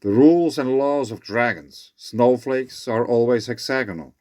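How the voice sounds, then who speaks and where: A man presents his own written research in a close, dry recording. His s sounds whistle as he speaks. He moves between reading aloud and informal asides, often halting and correcting himself. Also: medium pitch, mellow, no room sound.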